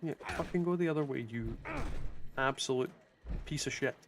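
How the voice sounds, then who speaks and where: A man's voice: medium pitch, moderate pace, noisy background. A man streaming a video game, chatting casually with swearing, joking banter. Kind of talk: casual gaming stream chat.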